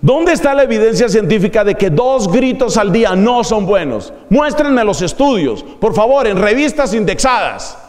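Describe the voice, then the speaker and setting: High-voiced priest lecturing with irony. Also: male voice, sing-song, normal speed, hardly any pauses. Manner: ironic, rhetorical questions to the audience. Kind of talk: university lecture. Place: university lecture hall. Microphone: microphone. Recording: long hall reverb.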